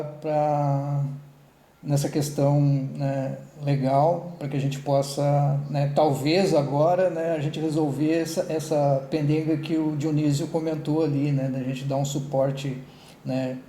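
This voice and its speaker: A man's voice: fairly high pitch, little pitch movement, unhurried, mellow, roomy sound. A man coordinating an online meeting, talking casually with many restarts and tag questions.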